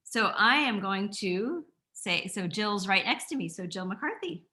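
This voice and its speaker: A woman from Maine on a video-call panel, fast-talking and effusive. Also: mid-range voice, lively intonation, sharp tone.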